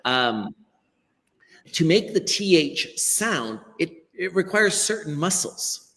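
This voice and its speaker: Speaking slowly as a guest on a live-stream interview, a middle-aged language teacher from the western US comes through a video-call webcam in a room with long, hall-like reverb. His Western American voice is a little high, very animated, bright and forceful, and he stays earnest and emphatic while often restarting his sentences.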